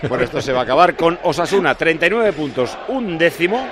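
A man's voice: fairly high pitch, expressive, fast talker, heavy background noise. A man with an accent from Spain anchoring a live football radio show, bantering with reporters. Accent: Spanish from Spain.

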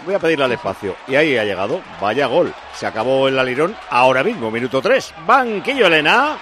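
A man's voice: medium pitch, big pitch swings, quick pace, a crowd in the background. A man with a Spanish accent from Spain giving chatty live football analysis as a pundit. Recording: noisy stadium background.

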